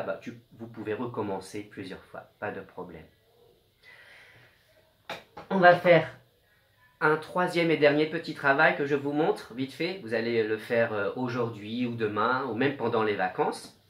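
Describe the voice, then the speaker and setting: A man teaching young children a spelling dictation, speaking gently and encouragingly and sounding out letters slowly. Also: mid-range voice, roomy sound. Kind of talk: slow, patient dictation lesson for young children.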